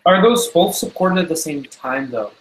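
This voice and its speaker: A man in an online meeting questioning a software design, thinking aloud with many restarts. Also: on the high side, lively intonation, moderate pace, roomy sound, low-quality recording. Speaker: developer in meeting. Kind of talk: technical discussion in a meeting.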